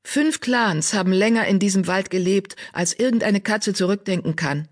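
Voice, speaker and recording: A woman's voice: medium pitch, normal speed, voice pushed up, lightly acted. A proud, grave tomcat leader, put on by a woman narrator. His words come heavy and solemn in a storybook reading. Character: male cat clan leader, grave and proud.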